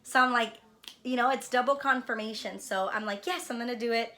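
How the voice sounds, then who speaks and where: Born in Honduras and now living in LA, a woman who vlogs about spirituality and reads cards talks earnestly and casually with her audience, often asking "right?" as she reflects. Her voice is fairly high, a little fast, and pushed and bright.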